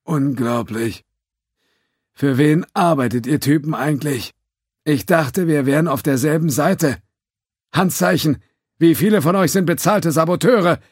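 A man's voice: on the high side, lively intonation, normal speed, darkish tone, slightly rough, no echo, clean studio sound, pitched above the performer's own voice. A man doing a frazzled, sarcastic starship engineer. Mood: exasperated. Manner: exasperated, sarcastic outbursts. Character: harried male starship engineer, sarcastic, overworked. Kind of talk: audiobook character voice.

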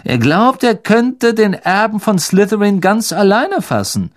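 A man's voice: high voice, big pitch swings, unhurried, voice pushed up. A man voicing an arrogant, scornful teenage schoolboy with a sneering way of talking.

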